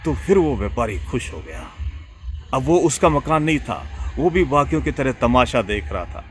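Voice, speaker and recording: Animated male spiritual storyteller. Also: medium pitch, normal speed. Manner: animated storyteller, dramatic rises and hushed drops. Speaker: spiritual speaker.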